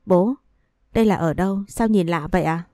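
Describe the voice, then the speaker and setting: Woman doing grieving little girl, pleading, tearful, low mellow tone, storybook. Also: a little fast, dry recording, clean studio sound, natural voice. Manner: pleading, sobbing. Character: young girl grieving her mother.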